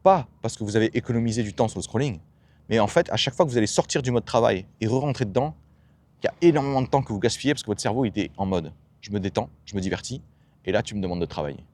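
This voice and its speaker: A self-development coach delivers an emphatic motivational monologue, asking himself rhetorical questions and throwing in blunt slang. His voice is lowish and darkish in tone, and he speaks very fast.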